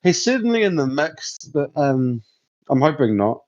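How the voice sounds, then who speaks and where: A man's voice: a little high, big pitch swings, normal speed, a little mellow, highs cut off. A man chatting casually about sport as a podcast co-host, blunt and sweary with plenty of slang.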